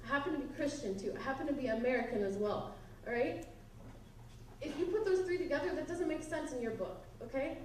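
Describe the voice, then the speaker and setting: A woman's voice: sits high, fairly quick, darkish tone, a little hiss or hum. A woman student challenging a speaker at a campus question session, insistent and pushing back. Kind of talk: heated campus Q&A debate. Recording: very echoey hall, far from mic, audience.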